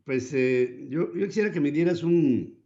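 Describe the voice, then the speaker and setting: An older man hosting a radio talk show, reflective and drawn-out, with frequent restarts. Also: a little high, warm tone. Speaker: radio host. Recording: muffled lo-fi broadcast audio.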